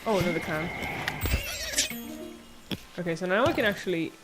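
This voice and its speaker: A young woman with an Irish accent chatting casually while playing a game, chatty and prone to excited squeals. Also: fairly low pitch, moderate pace. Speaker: game streamer. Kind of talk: casual gameplay commentary. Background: game music.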